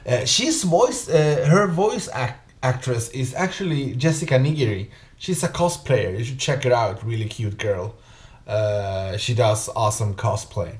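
A man's voice: medium pitch, unhurried. A man in his thirties giving casual, enthusiastic, sweary reaction commentary as a video host. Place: small home music room, indoors.

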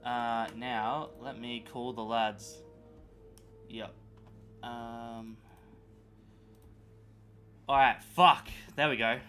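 A man streaming a video game live, chatting excitably and profanely with his viewers and friends. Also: medium pitch, very slow, long pauses, faint music behind. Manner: excitable, profane, bantering with chat. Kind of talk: casual live-stream chat while gaming.

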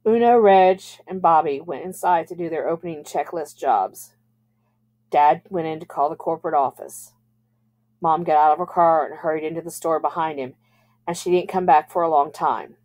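A woman teacher reading a novel aloud to a class at a measured, even pace. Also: sits low, dull audio.

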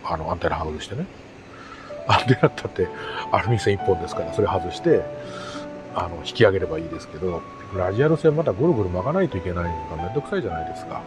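With a voice that sits low and lively intonation, a middle-aged man from Japan races through casual vlog talk to camera about his amateur radio hobby. Easygoing, rambling, and self-deprecating, he speaks over background music.

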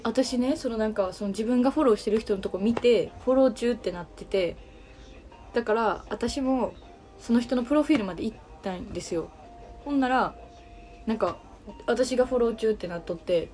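A woman's voice: on the high side, brisk, dark tone. A young woman with a Kansai Japanese accent hosting a casual livestream, chatting and answering viewer comments. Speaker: livestream host.

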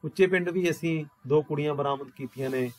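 A man reading aloud as a gruff, bossy village policeman who barks orders. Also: fairly high pitch, fairly quick, natural voice. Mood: questioning.

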